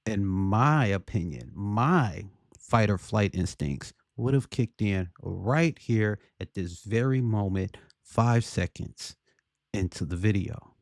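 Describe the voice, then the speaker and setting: Low, gravelly-voiced man giving commentary. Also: animated, slow, no room sound, studio quality. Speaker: video commentator. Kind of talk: casual opinion commentary on a video clip.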